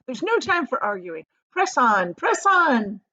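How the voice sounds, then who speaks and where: An eccentric, gleeful storybook chocolate maker played by a woman, with wildly swinging pitch. He is bossy and exclamatory, pitched up and theatrical, in a dry but slightly dull recording. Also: sing-song, a little slow, bright, forceful tone, full character voice. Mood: brisk, dismissive. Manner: exclamatory, commanding, sing-song. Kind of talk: storybook character voice.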